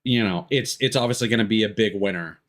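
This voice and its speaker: A man with a somewhat low, slightly bright voice talks quickly while live-streaming a game. He chats casually and comments on gameplay, thinking out loud in a candid, sweary, self-deprecating way.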